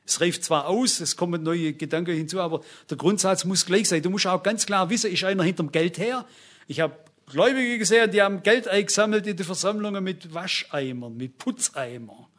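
Emphatic older male preacher, high voice. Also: brisk, fairly bright tone. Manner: emphatic, addresses the congregation directly. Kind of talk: sermon.

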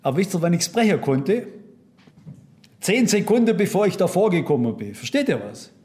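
A man's voice: sits high, big pitch swings, normal speed, darkish tone. A man preaching a sermon to his congregation, asking them many rhetorical questions and quoting Bible verses. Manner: quotes and reads Bible verses aloud.

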